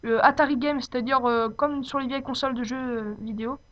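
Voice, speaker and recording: A woman giving an informal, unscripted software tutorial, speaking hesitantly as she searches for her words. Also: high-pitched, fairly even intonation, a little fast. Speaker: tutorial presenter. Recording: dull lo-fi home microphone.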